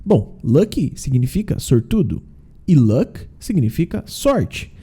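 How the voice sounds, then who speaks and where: A man from Brazil teaching a casual online language lesson, explaining slowly and drilling pronunciation with frequent check-ins. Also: fairly high pitch, sing-song, mellow, slightly rough. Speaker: English teacher.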